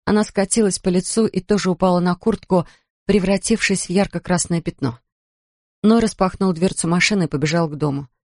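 A reader narrating an audiobook in a calm, measured way. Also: mid-range voice, no room sound, studio quality.

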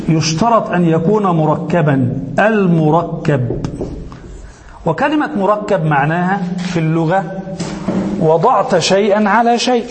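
A man teaching Arabic grammar as a sheikh, who pauses on a question and lets his listeners finish the word, repeating key terms slowly. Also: high-pitched, long reverb tail, slight background noise. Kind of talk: classroom lecture.

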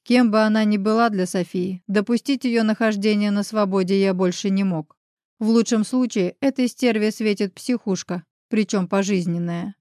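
A woman narrating an audiobook in an even, steady storytelling manner. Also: mid-range voice, dry recording, studio quality. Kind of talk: scripted narration.

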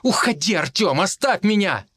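A man's voice: fairly high pitch, normal speed, fairly bright tone, dry recording, voice pushed up, natural voice. A man voicing a heartbroken, desperate young woman singer who has lost her sight, tearful and crying out in anguish. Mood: despairing. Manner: tearful, breaking into anguished cries.

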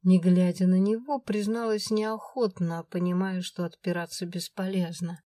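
A woman narrating a first-person fantasy audiobook with expressive storytelling. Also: lowish voice, normal speed, no room sound, clean studio sound.

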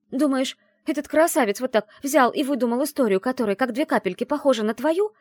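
A woman reading an audiobook and voicing a brash, teasing young woman who is the heroine's best friend, talking in a loud, mocking, bossy way. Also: medium pitch, no room sound, studio quality, pitched above the performer's own voice, close to an everyday voice.

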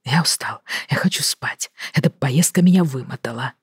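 A man's voice: on the high side, fairly quick, slightly rough, no echo, studio quality. A man doing an irritable whispering older lover. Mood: irritated whisper.

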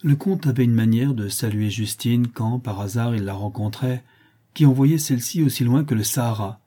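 A man narrating a classic novel aloud in a measured, even storytelling manner. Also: medium pitch, husky. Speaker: audiobook narrator. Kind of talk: scripted literary narration.

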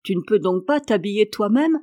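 A cheerful, plain-spoken young housemaid from a storybook talks in a frank, homely way, as a woman reader voices her. The voice stays close to the reader's own, middle pitch, unhurried and kindly. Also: expressive, mellow, dry recording, close to an everyday voice. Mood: matter-of-fact. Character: plain-spoken good-natured young country maid.

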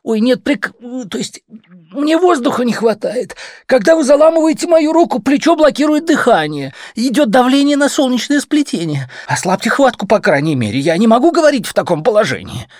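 A man reading an audiobook, voicing a cautious, polite, nervous man in glasses, pitched higher than his own voice. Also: animated, moderate pace, husky, no room sound, clean studio sound. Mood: pained.

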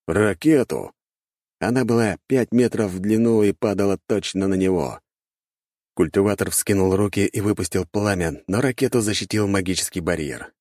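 A man narrating an action-fantasy audiobook in a dramatic, expressive storytelling manner. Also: on the low side, normal speed, no room sound, clean studio sound. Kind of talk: scripted narration.

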